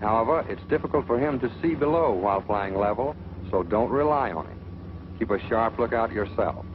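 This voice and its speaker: The narrator of this 1940s training film is a man cast as a strict military flight instructor who lectures, scolds and commands with authority. His expressive, fairly low voice runs a little fast and stays close to an everyday voice, heard through a muffled, noisy period soundtrack.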